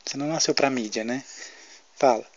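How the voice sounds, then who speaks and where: A man's voice: medium pitch, a little fast. A man coaxing his baby to talk, repeating words in a sing-song, teasing way at home. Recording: dull lo-fi home video.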